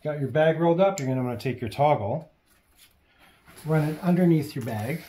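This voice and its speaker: A middle-aged man hosting a bushcraft channel, giving calm, practical step-by-step instructions outdoors in a park. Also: a little high, moderate pace, a little hiss or hum.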